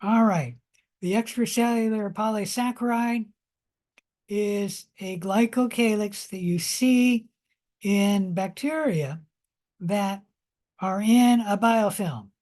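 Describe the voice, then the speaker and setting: A woman gives a recorded biology lecture at a slow, deliberate pace. She explains carefully, pausing often and restarting sentences with fillers. Her pitch sits in the middle range. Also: a little mellow.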